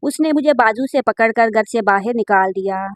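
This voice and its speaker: A woman's voice: a little high, normal speed, no room sound. Woman narrating an emotional story. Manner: earnest, emotional. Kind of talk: scripted first-person story narration.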